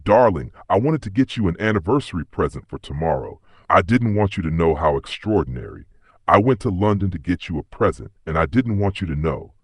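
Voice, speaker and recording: A man's voice: low-pitched, animated, a little fast, breathy edge, dry recording, studio quality. A man voicing an earnest young husband who talks in a contrite, pleading way.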